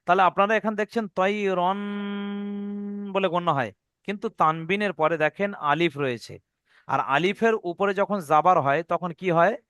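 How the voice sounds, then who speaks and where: A man's voice: high-pitched, moderate pace, fairly bright tone, smooth, no echo, clean studio sound. A man teaching Quran recitation rules in an online lesson, patiently repeating each rule and checking that his students follow.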